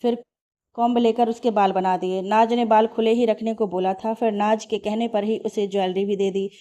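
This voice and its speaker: A woman storyteller reading a family story aloud in a steady, even way. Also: mid-range voice, moderate pace. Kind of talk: read-aloud story narration.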